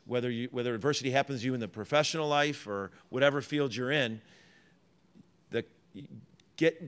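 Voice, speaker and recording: A middle-aged man speaks as a basketball head coach at a press conference. He talks earnestly into a table microphone, circling back on his words with fillers and restarts. His voice sits at an ordinary middle pitch. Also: fairly bright tone.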